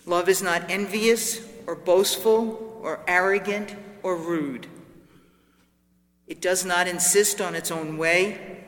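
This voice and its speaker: A man reading scripture as a lector in a measured, declamatory way, in a large echoing church. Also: high-pitched, a bit bright. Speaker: lector at Mass.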